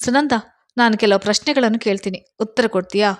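A woman doing a brisk, cheerful friend. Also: fairly high pitch, natural voice. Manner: brisk, questioning, half-amused. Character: cheerful, sensible young woman friend, teasing and firm.

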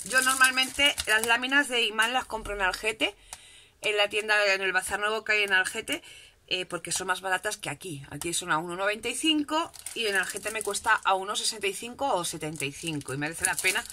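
A woman's voice: mid-range voice, fairly quick, pushed and bright, a little hiss or hum. A woman chatting casually at her home craft desk, showing off a shopping haul in a chatty, self-mocking way and checking in with her viewers often. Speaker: crafting vlogger.

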